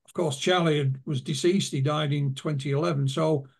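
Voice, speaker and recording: A man's voice: a little high, fairly even intonation, normal speed, gravelly, slightly rough. A man being interviewed as an author, telling anecdotes and retelling what witnesses told him. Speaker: author and guest. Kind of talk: interview storytelling.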